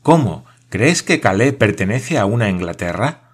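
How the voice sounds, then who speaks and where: A man voicing an excitable, middle-aged French geographer who exclaims in theatrical amazement. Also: fairly low pitch, moderate pace, breathy edge. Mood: astonished.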